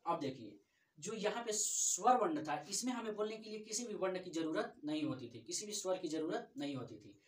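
A man's voice: sits high, expressive, fairly quick. A man teaching a grammar lesson, asking questions and answering them himself. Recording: echoey room, distant mic.

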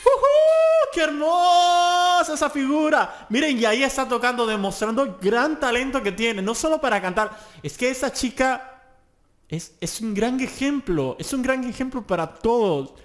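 Speaking at normal speed in a very high-pitched, expressive, slightly bright voice, a young Latin American host reacts to a song. He gushes with exclamations and calls out singing technique as the track plays faintly behind him.

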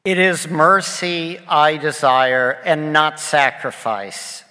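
A male lector gives a solemn psalm reading at an unhurried, very slow pace. His voice is bright and forceful, ringing with long reverb in a large church. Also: a little high. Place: large indoor church sanctuary.

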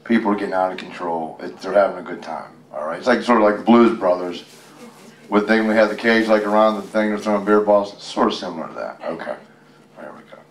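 A man with a fairly low voice talks fast as he reads a storybook at a public library event, drifting into chatty, folksy comments for the audience. He's a guest storyteller and tribute performer holding a handheld microphone. The recording sounds distant, with lots of room echo.

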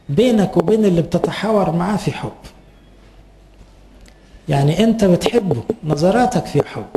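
A priest with an Egyptian Arabic accent delivers an earnest sermon advising parents, posing rhetorical questions as he goes. His voice is fairly high-pitched, and there's noise in the background.

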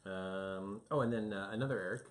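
A man's voice: fairly low pitch, a little fast. A middle-aged man co-hosting a casual podcast, easygoing and laughing often while he reads out listener names. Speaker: podcast co-host. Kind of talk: casual chat.

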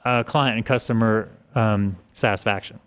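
A man in his forties, appearing as a guest on a podcast interview, rambles casually and keeps restarting his sentences. His voice is on the low side and a bit bright, with a steady tone and moderate pace. He speaks into a boom mic on a desk in an office studio with large windows.

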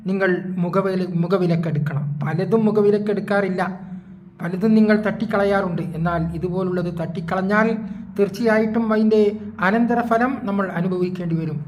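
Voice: medium pitch, slight background noise. A preacher gives a religious sermon with a moral story. The speaker talks emphatically, repeats phrases and asks the listeners rhetorical questions. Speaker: Islamic preacher.

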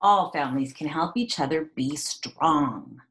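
A woman in her thirties, with a low-sitting, slightly bright, expressive voice and a measured pace, reads a picture book to young children. Acting as their teacher in a small room at home, she discusses the story in simple phrases.

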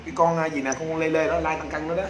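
A man hosting a livestream from home, rattling off loud, playful, clowning sales patter. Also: on the high side, level tone, quick pace. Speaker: livestream host selling products. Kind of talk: rapid comic livestream patter. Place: home room. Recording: echoey room with faint noise.

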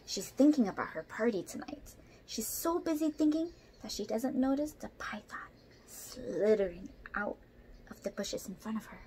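A young woman, a young adult, gives an expressive picture-book reading with asides for the kids listening. Her voice is a little high, mellow and animated, moving at a normal speed. The setting is a small room at home, and the recording is noisy.

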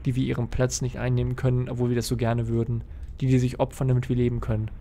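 A man reading aloud as a guilt-ridden grieving father, slow and solemn, with a gravelly edge. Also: mid-range voice, monotone, mellow, slight background noise, natural voice. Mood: sorrowful. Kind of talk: reading a game diary aloud.

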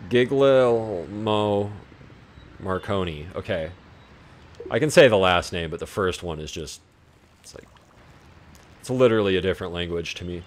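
A young gaming YouTuber gives laid-back, casual commentary on his own strategy gameplay, talking to himself as he plays. He has a low voice with lively intonation, speaking at normal speed and pausing often.

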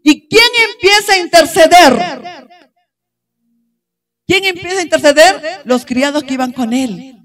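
A woman's voice: high-pitched, unhurried, pauses often, fairly bright tone. A woman pastor preaching a sermon with passion, acting out the people she quotes.

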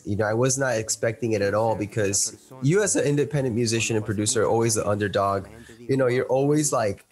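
Upbeat young man, low voice, quick fillers. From Peru, raised in Miami. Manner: enthusiastic, many fillers and restarts. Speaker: music producer guest. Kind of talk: casual interview answers. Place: small plain indoor room. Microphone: headphones and studio mic on video call.

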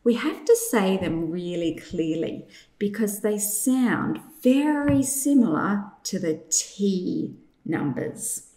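A woman teacher leading an instructional lesson for young children, enunciating clearly and guiding with simple questions. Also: mid-range voice, animated, takes it slowly, mellow. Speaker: teacher presenting a maths activity. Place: indoors in a room, demonstrating at a tabletop. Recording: echoey room.

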